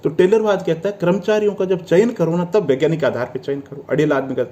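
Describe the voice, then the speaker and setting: A man's voice: fairly high pitch, quick pace, warm tone. A man teaching a civil service exam class, often asking questions and answering them himself, and telling students to learn definitions by heart. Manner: addresses students as friends, tells them to memorize. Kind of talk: lecture.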